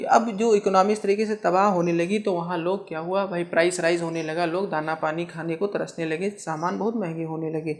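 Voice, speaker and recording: A teacher giving an exam-prep history lecture, asking rhetorical questions, answering them straight away, and explaining terms with everyday comparisons. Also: medium pitch. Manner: keeps checking in with "ठीक है".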